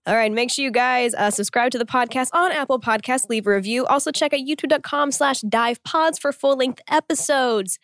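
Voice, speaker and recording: A woman's voice: high voice, brisk, hardly any pauses, fairly bright tone, no room sound, clean studio sound. A woman hosting a podcast, chatting in a bubbly, upbeat way with her guests. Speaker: podcast host. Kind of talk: casual chat.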